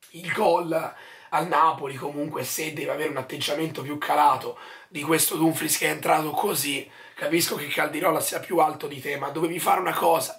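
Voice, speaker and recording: A man in his twenties with a hoarse, nearly lost voice, giving halting, emphatic football commentary in a casual style. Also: fairly high pitch, a bit bright. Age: 20s. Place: small furnished room at home, indoors.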